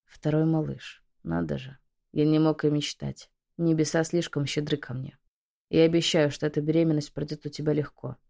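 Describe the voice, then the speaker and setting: A tender male dragon general, voiced by a woman narrator, speaks in a lowered, husky hush. His devotion sits in every word of this fantasy audiobook, and the voice stays deep and soft throughout. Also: level tone, moderate pace. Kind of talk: audiobook character voice.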